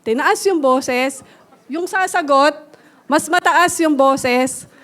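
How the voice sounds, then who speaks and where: A Filipino woman preaches a church sermon in a high, bright-toned voice. She speaks politely and gently, sliding back and forth between Tagalog and English and teaching through everyday examples. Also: takes it slowly. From Philippines.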